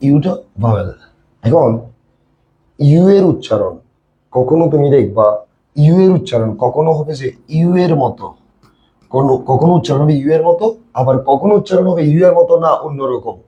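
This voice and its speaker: Bangladeshi male English tutor, very dark mellow tone, drills students with repeated questions. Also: mid-range voice, highs cut off. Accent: Bangladeshi Bengali. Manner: repetitive, quizzing students with questions. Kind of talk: classroom lesson.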